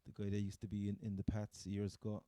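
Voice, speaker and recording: Male podcast co-host, Cork accent, very soft mellow tone, close dry sound, halting casual sports chat. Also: on the low side, completely flat delivery, no echo. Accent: Cork, Irish. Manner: halting, hesitant phrasing.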